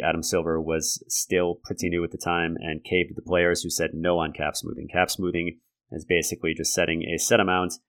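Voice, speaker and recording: A man hosting a sports podcast solo, talking analytically and conversationally in a gravelly voice left raspy by a lingering cold. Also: low-pitched, a bit bright. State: raspy from a lingering respiratory infection. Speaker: podcast host. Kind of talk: sports commentary monologue.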